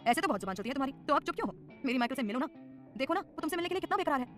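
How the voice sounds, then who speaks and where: Woman doing a bossy male mafia boss, teasing and menacing, quick delivery, audio drama. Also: sits high, expressive, a bit bright, faint music behind. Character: commanding, possessive young male mafia boss. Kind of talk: dramatized audio story reading.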